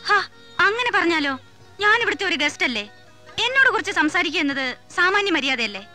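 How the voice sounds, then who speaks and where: A woman's voice: very high-pitched, sing-song, fast talker, sharp tone, faint music behind, full character voice. A young actress playing a cheeky female guest who teases in a mock-formal way in a 1980s film. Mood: teasing. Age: young adult. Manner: playful, mock-formal teasing.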